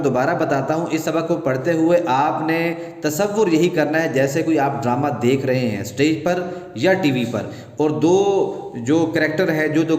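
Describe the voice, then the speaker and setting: A man's voice: on the high side, a little mellow. A male Urdu teacher lecturing to students, explaining and defining words, recorded in an echoey room. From Pakistan. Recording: echoey room, long reverb.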